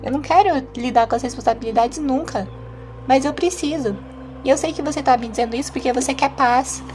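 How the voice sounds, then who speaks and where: A woman's voice: sits high, a little fast, a little mellow, faint music behind, lightly acted. A woman voicing a young female living doll who insists earnestly and pleads, retelling lines from a stage play. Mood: pleading. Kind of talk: acted play lines, retold.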